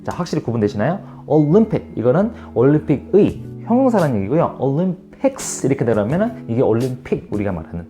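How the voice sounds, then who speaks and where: A man teaching English grammar to Korean viewers, reading example sentences slowly and checking in with rhetorical questions. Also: medium pitch, big pitch swings, mellow, faint music behind. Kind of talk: video English lesson.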